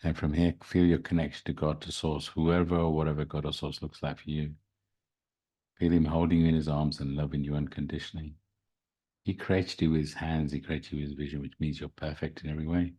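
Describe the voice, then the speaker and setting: A man speaking as a spiritual host, leading a guided meditation in a gentle, soothing, unhurried manner. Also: rumbling low, flat delivery, breathy edge. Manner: slow, soothing, gentle delivery. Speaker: podcast host and spiritual reader.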